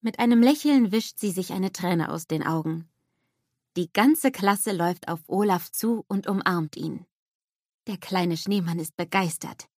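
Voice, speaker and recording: A woman narrating a scripted children's story in a lively storybook manner. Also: fairly low pitch, a little slow, no echo, clean studio sound.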